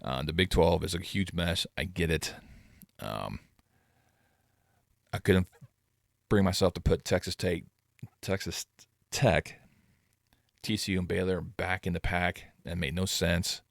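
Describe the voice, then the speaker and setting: A middle-aged man hosting his own sports channel, rambling casually in a self-described monotone. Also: sits low, unhurried, gravelly, pauses often, no room sound, studio quality. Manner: rambling, self-deprecating, calls himself monotone. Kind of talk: casual commentary vlog.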